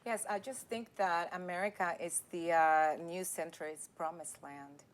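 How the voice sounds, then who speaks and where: A woman's voice: fairly low pitch, steady tone, unhurried. A middle-aged woman, giving a personal testimony in a passionate, emphatic way. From Dominican Republic. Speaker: guest.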